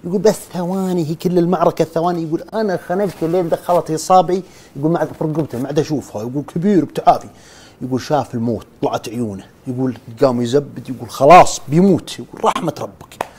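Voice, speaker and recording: A man with a Saudi accent tells a true story in the voice of a storyteller. He talks at a rapid clip, and his voice sits a little high for a man. He keeps returning to "he says" as he relays another man's account. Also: a little mellow, breathy edge. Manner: keeps repeating "he says" while retelling a friend's account. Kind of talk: storytelling narration.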